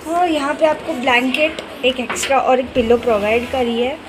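A woman's voice: high voice, normal speed. A young woman chatting as a travel vlogger, upbeat and chatty as she gives a guided tour. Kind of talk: casual vlog chat, mixing Hindi and English. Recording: loud music playing underneath.

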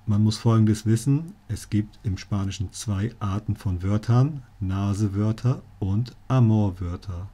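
A male teacher walks learners through spelling rules at a slow, deliberate pace. His voice is husky and very dark, and he slips in dry, jokey asides as he goes. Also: fairly low pitch. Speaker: language teacher.

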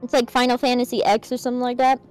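A woman's voice: fairly high pitch, flat delivery, racing, soft background music. A woman contestant in a game show, teasing and boastful in playful banter.

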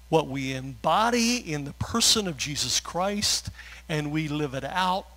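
Emotional man preaching a relaxed sermon. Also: on the high side, rough recording. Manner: conversational preaching with fillers and asides; gets emotional, laughs through his words. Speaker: pastor.

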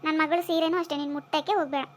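A scornful cartoon mother-in-law, voiced by a woman, very high and squeaky. She scolds fast and bossily. It is a cartoon family drama. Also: fairly even intonation, a little hiss or hum, lightly acted. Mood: scornful scolding. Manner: scolding, bossy.

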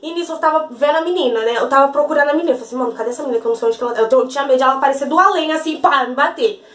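A young woman from Brazil chatting fast to her viewers in a bright, high voice. She tells her story casually and keeps checking in with her audience. The room around her gives the voice a noticeable echo. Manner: chatty, keeps saying "gente" and "entendeu". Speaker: vlogger.

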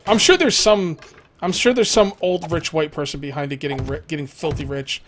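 A man's voice: a little high, a little fast, fairly bright tone, slight background noise. Ranting man streaming a game. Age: 30s. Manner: ranting, blunt, reads out follower thanks. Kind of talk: casual chat while streaming a game.

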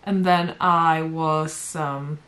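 Sitting on a sofa in a bright room at home, a young Swedish woman casually tells stories about her past modeling work as a guest, giggling frequently. Her voice sits low with fairly even intonation, very slow and fairly bright.

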